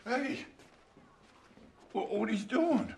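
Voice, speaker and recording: A man's voice: extremely high pitch, lively intonation, very slow, a little hiss or hum, exaggerated voice. An actor playing a jovial, affectionate middle-aged father who calls out boisterously. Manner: boisterous, calling out loudly. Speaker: actor in a film scene.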